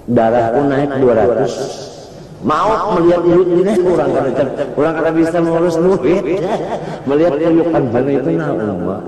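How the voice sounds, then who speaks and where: A man with a Banjar accent giving a chatty, joking sermon to a congregation, laughing often as he talks. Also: mid-range voice. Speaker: preacher. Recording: echoey hall, distant mic, crowd.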